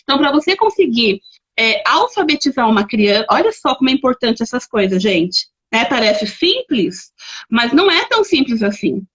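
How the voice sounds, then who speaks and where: A woman's voice: on the high side, sing-song, normal speed, a bit bright, husky, highs cut off. A woman with a Brazilian Portuguese accent hosting a live-streamed lesson, chatting and reading out viewer comments as she gives examples. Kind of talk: live-streamed teaching talk.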